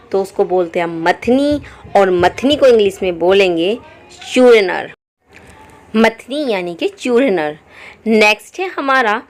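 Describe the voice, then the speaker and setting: A woman teaching English words for kitchen items in Hindi, repeating each word slowly and clearly. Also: medium pitch. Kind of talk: vocabulary lesson.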